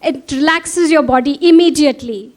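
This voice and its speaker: A woman's voice: high voice, normal speed. A woman with an Indian English accent giving a conference lecture, engaging the audience with frequent questions.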